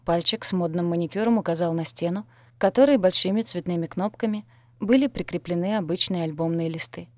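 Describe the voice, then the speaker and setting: Female audiobook narrator, lowish voice, dry close recording, measured and wry. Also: a little mellow, no echo. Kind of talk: first-person audiobook narration.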